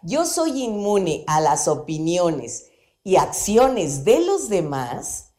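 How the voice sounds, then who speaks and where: Brief: woman, radio psychology guest, animated and playful. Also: lowish voice, takes it slowly. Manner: animated, laughs often, playful examples. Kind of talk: conversational radio talk. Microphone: studio microphone.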